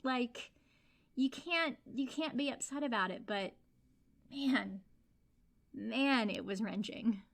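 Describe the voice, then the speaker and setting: A woman co-hosting a book podcast in casual chat, lively and quick to laugh as she acts out bits of the story. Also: a little high, creaky. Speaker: podcast co-host.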